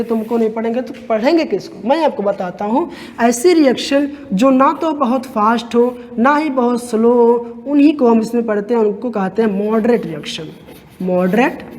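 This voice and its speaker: A man teaching a chemistry lecture to students. He asks rhetorical questions, answers them himself, and drags out key terms slowly. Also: very high voice, darkish tone. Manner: calls listeners 'bhaiya'. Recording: long hall reverb.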